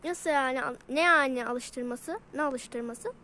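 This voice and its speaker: High bright woman voicing a cast of toy pets, playful and ever-switching. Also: a little slow, slight background noise. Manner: switches between playful character voices. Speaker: toy video creator. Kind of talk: toy role-play voicing many pets.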